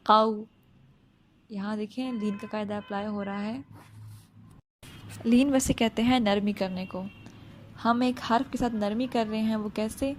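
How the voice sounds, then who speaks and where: Female tajweed teacher, mid-pitched, patient and methodical, checks the listener often, light background noise. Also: a little mellow. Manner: slow drawn-out recitation, then plain step-by-step explaining. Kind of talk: Quran recitation lesson.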